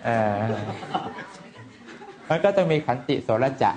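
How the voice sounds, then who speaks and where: A Buddhist monk giving an informal dharma teaching in lively, repetitive speech, now and then mimicking the people he describes. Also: slow, a little hiss or hum.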